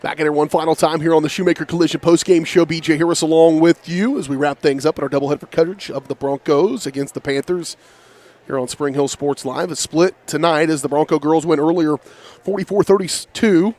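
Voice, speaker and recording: A Midwestern man hosting a postgame sports wrap-up, running through scores and stats as his voice goes hoarse. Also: a little high, steady tone, a little mellow. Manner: brisk, rattles off scores and stats. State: voice going hoarse. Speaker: play-by-play announcer.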